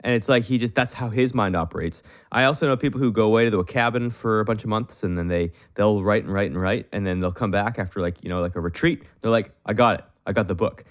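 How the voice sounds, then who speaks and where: A man's voice: lowish voice, quick pace, hardly any pauses. A man hosting a faith podcast, chatting with his guest in an earnest, rambling way. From Canada. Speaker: podcast host. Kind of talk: casual interview chat.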